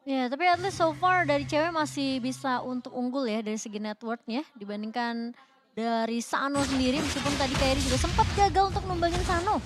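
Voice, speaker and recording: A woman's voice: high-pitched, brisk, music in the background. A woman giving conversational esports match commentary as a co-caster.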